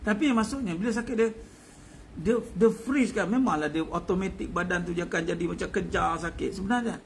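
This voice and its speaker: A man's voice: sits high, brisk, slight background noise. A man giving a casual religious talk, chatty, repeating his phrases and chuckling often. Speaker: religious teacher.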